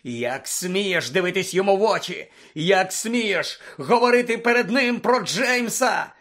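A man reading an audiobook, voicing a vengeful male wizard who roars and rasps with contempt. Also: mid-range voice, a little slow, pushed and bright. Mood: furious. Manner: roaring, hoarse, contemptuous. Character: furious vengeful male wizard, roaring and hoarse.

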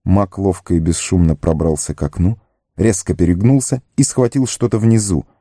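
A man narrating an audiobook in an expressive storytelling manner. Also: sits low, normal speed, no echo, studio quality. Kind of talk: scripted narration.

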